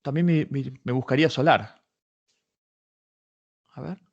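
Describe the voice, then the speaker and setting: A workshop instructor with a gravelly, medium-pitched voice speaks at a measured pace over dull audio. In a live online patent search tutorial, he steps listeners through a database search, thinking aloud and correcting himself with many restarts.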